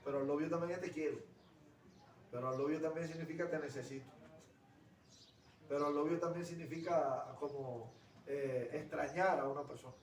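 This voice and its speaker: A man teaches in a conversational tone, slightly high-pitched for a man. He plays out little dialogues as he explains. His voice sounds a bit distant and echoes around the room. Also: steady tone, moderate pace, long pauses. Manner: explains by acting out dialogues and anecdotes. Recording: roomy, distant from the mic.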